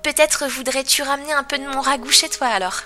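A woman's voice: sits high, fairly even intonation, a little fast, sharp tone, soft background music. A woman voicing a generous, motherly mare in a storybook reading. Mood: friendly.

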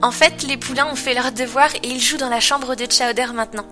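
A kind mother mare from a storybook, friendly and generous, as a woman puts her on. Her voice is fairly high and bright. She speaks in a motherly way. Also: steady tone, a little fast, faint music behind.

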